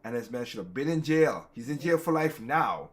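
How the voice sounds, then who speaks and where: A man's voice: mid-range voice, expressive, moderate pace. A man hosting a casual political talk show, rambling with many restarts and growing heated. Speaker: podcast host.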